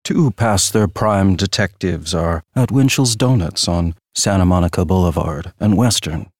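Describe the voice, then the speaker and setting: This is an actor playing a flippant, macabre-loving male walking tour guide in an audio drama, speaking in a low voice. He lingers over every phrase, telling the story in a wry, theatrical, drawn-out way. Captured dry with no surrounding room sound, the delivery comes across as wry and eerie.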